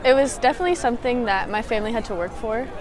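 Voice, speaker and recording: A woman's voice: fairly high pitch, rapid-fire, crowd noise. An eighteen-year-old woman speaking casually in a documentary interview outdoors, hedging with fillers. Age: late teens.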